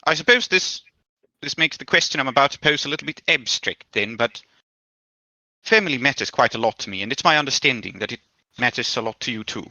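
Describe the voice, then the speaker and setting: A man plays a polite schemer who talks in measured, formal phrases with a faint edge of menace. The tone is tense and very bright. The recording sounds dull and dry. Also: medium pitch, expressive, dry recording. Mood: courteous.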